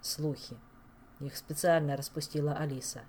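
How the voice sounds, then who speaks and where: A woman's voice: deep voice, steady tone, normal speed, darkish tone, a little hiss or hum, lightly acted. A woman voicing a weary, stern king who speaks curtly and grumbles. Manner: grumbling, curt.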